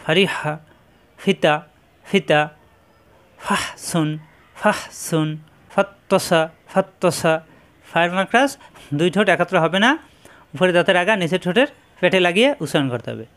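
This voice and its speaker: High-voiced man drilling Arabic letter sounds. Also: lively intonation, normal speed, pauses often, fairly bright tone. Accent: Bangladeshi Bengali. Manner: repeats syllables in chant-like drills. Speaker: Quran reading teacher. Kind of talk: slow, drilled pronunciation lesson.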